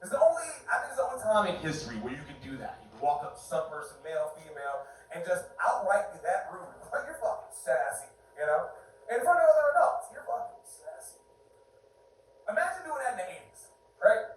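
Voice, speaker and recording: Animated man doing stand-up. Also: quick pace, very echoey, distant mic, slight background noise, low-quality recording. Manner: animated, jumps into high put-on voices for bits. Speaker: stand-up comedian. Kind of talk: stand-up set. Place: comedy club stage. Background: audience laughter.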